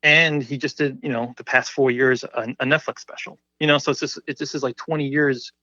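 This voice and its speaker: A man's voice: medium pitch, fairly even intonation, fairly quick, sharp tone, dry recording. A man appearing as a podcast guest who talks casually and rambles, filling his sentences with "you know" and "like". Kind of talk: casual conversation. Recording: muffled lo-fi recording.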